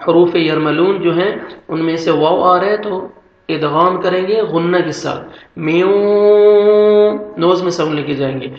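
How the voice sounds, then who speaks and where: A male teacher giving a step-by-step pronunciation lesson, slowly chanting each example and then explaining quickly. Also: fairly high pitch, echoey room, muffled recording. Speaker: recitation teacher.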